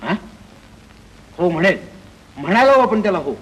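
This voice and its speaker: A man's voice: high voice, very animated, moderate pace, fairly bright tone, husky, heavily acted, rough recording. An actor playing a joking young male friend who teases and banters in an easy way, in a 1950s film. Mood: bantering. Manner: teasing, bantering.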